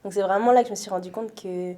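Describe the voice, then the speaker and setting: A woman's voice: mid-range voice, steady tone, fast. A woman in her twenties from France, talking through her story as an interview guest, thoughtful and full of fillers. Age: 20s. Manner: thoughtful, with frequent fillers and soft laughs. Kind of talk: casual interview conversation.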